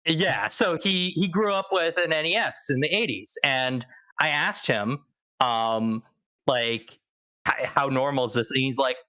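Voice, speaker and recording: Young male podcast guest, bright voice, rambling casual chat. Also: fairly high pitch, measured pace, low-quality recording. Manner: chatty, rambling, with fillers and laughs.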